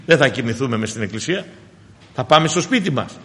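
Fervent preacher in a reverberant hall. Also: male voice, animated, a bit bright. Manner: fervent, addresses the congregation as brothers, rises in emphatic bursts and drops low. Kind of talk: sermon with personal testimony.

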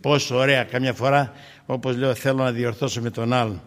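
A man in his sixties preaching a sermon, shifting from loud fervent exhortation to quiet, intimate storytelling. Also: medium pitch, fairly even intonation, long reverb tail.

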